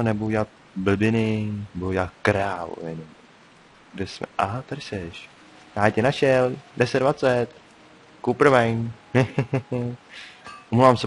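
Low-voiced man chatting over gameplay. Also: rough recording. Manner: chatty, mutters to himself while playing. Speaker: gameplay commentator. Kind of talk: casual let's-play commentary. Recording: faint hiss.

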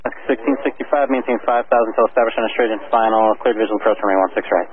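A man's voice: lowish voice, fairly even intonation, very fast. A man working as an approach air traffic controller, giving clipped instructions over an aircraft radio with static. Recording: narrow radio band with faint static.

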